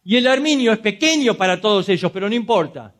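A man's voice: sits high, quick pace. A man preaching a sermon in a Rioplatense Spanish accent, talking straight to his listeners and acting out little scenes. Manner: animated, acts out boxers and referee, direct address to congregation.

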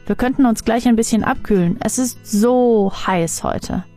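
A woman voicing a gentle, heartfelt boy. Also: on the high side, measured pace, faint music behind, lightly acted. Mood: cheerful. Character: kind, gentle boy in a family.

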